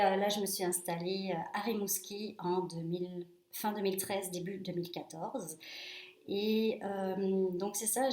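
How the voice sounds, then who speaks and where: A woman in her forties, from France, talks to camera about her work in a relaxed, halting way, filling gaps with little hesitations. Her voice sits a little low. The room around her is noticeably echoey. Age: 40s. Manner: relaxed, hesitant with frequent fillers. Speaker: reflexologist presenting her practice. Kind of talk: casual self-introduction to camera.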